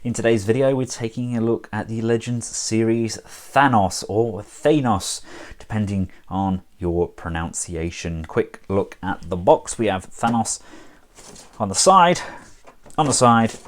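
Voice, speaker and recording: Man, casual collectible review, low-ish voice, slow pace, wry chatty asides.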